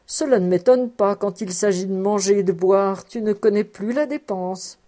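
A woman reading aloud, voicing a wry, good-natured old rabbi who protests loudly when teased. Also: mid-range voice, normal speed, natural voice. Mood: teasing.

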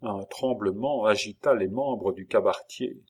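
A man narrating a novel in a steady, measured storytelling manner. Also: lowish voice, slightly rough. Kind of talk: audiobook reading of a novel.

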